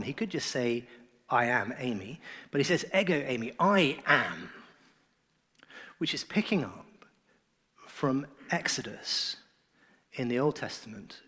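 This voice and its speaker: A man preaching a sermon in an earnest, emphatic way, his phrases often trailing off softly. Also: medium pitch.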